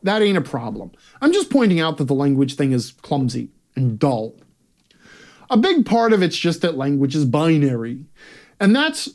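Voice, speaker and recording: With a darkish voice on the high side, this man delivers his own opinion column as a comic rant from a script. His tone is sarcastic and brash, with theatrical stresses and lots of profanity.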